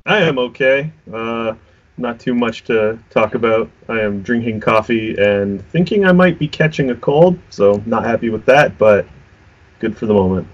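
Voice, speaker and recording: A man co-hosts a chat over a video call, sounding low-key and flat. His mid-range voice comes through dull, low-fi call audio. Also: moderate pace. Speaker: podcast co-host.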